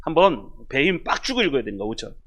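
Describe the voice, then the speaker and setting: A man preaching a sermon as pastor, swinging from loud exhortation to hushed, almost whispered lines and leading the congregation in reading aloud. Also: medium pitch, sing-song, quick pace.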